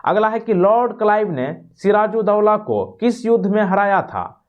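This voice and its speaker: Teaching in a quiz format like an exam-prep tutor, a man reads questions and then gives the answers, explaining and repeating them. His high voice is very animated at normal speed, and the audio sounds dull.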